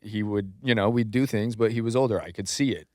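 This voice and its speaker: Earnest man with a smooth voice. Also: on the low side, fairly quick, no echo, studio quality. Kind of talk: casual chat.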